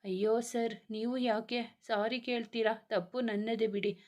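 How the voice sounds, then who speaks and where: A woman's voice: fairly high pitch, fairly even intonation, moderate pace, a little mellow, dull audio, lightly acted. A hurt young woman speaks in short, sulky, cold replies, as a woman reading the story puts her on. The voice stays near the reader's own in this storybook reading. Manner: sulky, curt.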